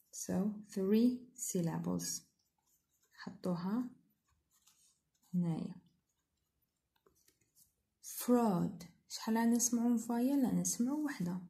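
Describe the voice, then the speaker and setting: Algerian woman teacher, slow and mellow. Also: mid-range voice, creaky. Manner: slow, drawn-out model pronunciations mixed with quick asides. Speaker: English teacher. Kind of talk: spoken exercise walkthrough.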